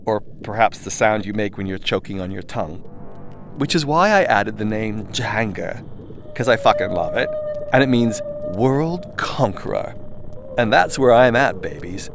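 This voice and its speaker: A man with a lowish, expressive voice takes his time reading his own irreverent self-help audiobook. His delivery is theatrical, cheeky, and conversational, with sweary asides. Composed music and a soundscape play behind his voice.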